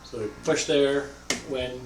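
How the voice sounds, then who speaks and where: A man's voice: mid-range voice, fairly even intonation, slow. A man talking casually as a tabletop game player, in a roomy recording with music behind. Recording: echoey room, music behind.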